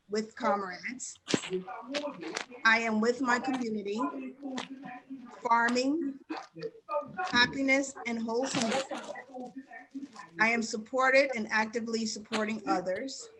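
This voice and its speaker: A woman reads her share of a group poem during an online orientation. Her voice sits a little high, and she moves slowly and steadily from line to line. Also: noisy background. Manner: slow, steady reading. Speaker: orientation participant. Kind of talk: reading a poem aloud.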